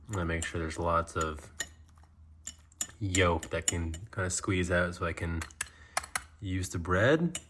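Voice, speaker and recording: A man with a fairly low voice chats casually to his vlog. His delivery is matter-of-fact and informal. There is clear noise in the recording. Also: sharp tone, roomy sound. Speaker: fitness vlogger.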